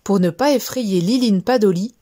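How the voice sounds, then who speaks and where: A woman storyteller reading a children's story aloud in a gentle, measured way. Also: medium pitch, no echo, clean studio sound.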